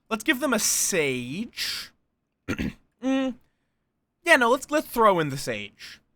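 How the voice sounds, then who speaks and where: The pitch swoops wildly in this mid-range voice, which takes things slowly with a pushed, bright sound and no echo. It's a streamer storytelling through an online social deduction game, casually joking with friends and viewers and slipping in sing-song interjections.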